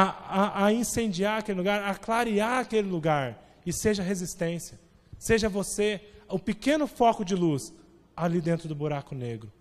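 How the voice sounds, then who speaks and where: High-voiced Brazilian pastor preaching in a hall. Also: male voice. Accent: Brazilian Portuguese. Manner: conversational, animated preaching with frequent "né?". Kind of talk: sermon. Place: church sanctuary. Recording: long hall reverb.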